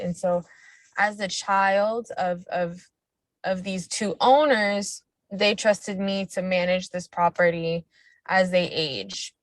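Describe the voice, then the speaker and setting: A woman's voice: medium pitch, no echo. Young woman calling in from her car, lots of ums and restarts, pretty dry sound. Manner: hesitant, many restarts and filler ums. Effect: calling in while driving a car. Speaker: community meeting participant. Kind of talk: casual discussion on a video call. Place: inside a car.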